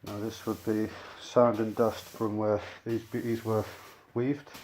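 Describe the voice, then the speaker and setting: A man speaks in a low, fairly flat voice, muffled behind a dust mask. He explains his trade in a casual, chatty vlog style. There is clear noise behind him. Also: a little slow. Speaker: rug cleaner presenting his own work. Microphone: speaking through a dust mask.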